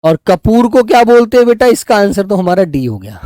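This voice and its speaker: A man's voice: high-pitched, sing-song, a little fast, mellow, no room sound, clean studio sound. A man teaching a live online quiz class, coaxing his students and calling them "beta" as he goes through the answers.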